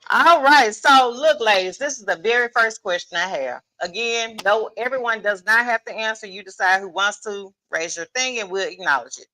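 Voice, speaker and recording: The recording is low quality, but the woman's mid-range voice comes through pushed and bright at normal speed with few pauses. She is the guest moderator and host of a live podcast panel event, leading it in a casual, playful, commanding manner. Her lively, unscripted banter includes phrases repeated for emphasis.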